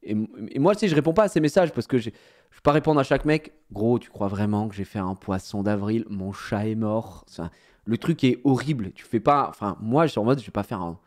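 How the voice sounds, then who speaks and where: A man telling a story casually to his viewers, in an animated, slangy way, often laughing at himself. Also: medium pitch, quick pace. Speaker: streamer.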